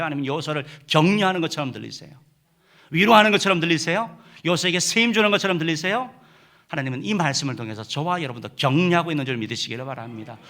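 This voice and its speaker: A man's voice: fairly high pitch, sharp tone. A middle-aged man preaching a sermon as senior pastor, emphatic and full of filler "uh"s.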